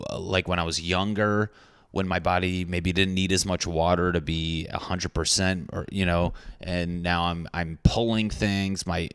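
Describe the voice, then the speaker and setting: A man's voice: low voice, a bit bright, clear, resonant tone, dry recording, clean studio sound. A man in his thirties hosting a solo podcast, talking in a rambling, crude, self-mocking way. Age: 30s. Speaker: podcast host. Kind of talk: casual solo podcast monologue.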